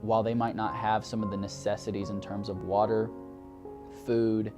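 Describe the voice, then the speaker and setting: A young adult man from Alabama with a Southern American accent, a graduate counseling student, tells a story in a documentary interview with earnest reflection and plenty of "like" and "you know." His voice is on the low side, with little pitch movement and a moderate pace, and music plays behind him.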